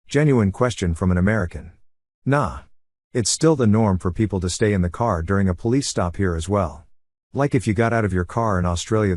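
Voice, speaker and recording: A man reading online forum comments aloud in an even, matter-of-fact way as the narrator of a compilation. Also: fairly low pitch, dry recording, studio quality.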